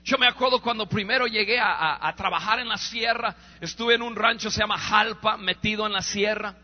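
A man preaching a sermon as a story, animated and acting out voices, stammering when excited. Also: high voice, fairly quick. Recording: reverberant hall, dull lo-fi sound.

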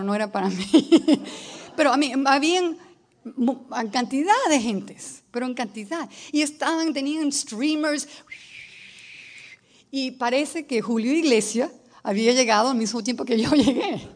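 A woman preaching a sermon, telling stories and building to emphatic declarations, with English words mixed into her speech. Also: a little high. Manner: storytelling, rising to emphatic declarations.

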